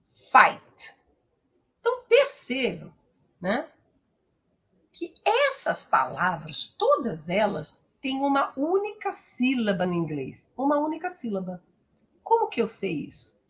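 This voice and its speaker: Brazilian woman teacher, high voice with a lively melody, patient and checks in with the class often. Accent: Brazilian Portuguese. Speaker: English teacher. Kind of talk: live-streamed pronunciation lesson.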